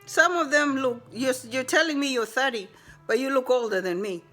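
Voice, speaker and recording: Older lady venting to her phone cam, kinda high voice, laughs through it. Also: normal speed, faint music behind. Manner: animated, indignant retelling with laughs. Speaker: vlogger. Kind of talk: casual storytelling to camera.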